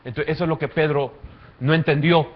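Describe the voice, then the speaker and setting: A man preaching a sermon as pastor, swinging from quiet to loud. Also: a little high, fairly even intonation, fairly quick. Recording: muffled lo-fi church recording.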